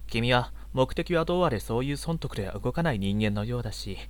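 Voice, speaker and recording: A man playing a gentle, easily exasperated young male unicorn in an audio drama role-play, with a polite, boyish, flustered manner. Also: medium pitch, lively intonation, brisk, close to an everyday voice. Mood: resigned, weary.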